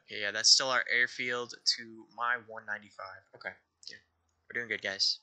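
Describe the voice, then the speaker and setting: A man with a very bright, sharp voice leads his squad through a multiplayer game, calling out directions and bearings. He talks casually and corrects himself on the fly. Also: lowish voice, fairly even intonation, normal speed. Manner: giving directions, self-correcting. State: hiccups. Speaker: squad leader. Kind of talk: casual game chat over voice comms.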